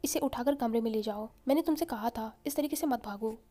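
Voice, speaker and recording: A woman voicing a calm, caring young female healer who speaks gently with a light teasing edge. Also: on the high side, brisk, lightly acted.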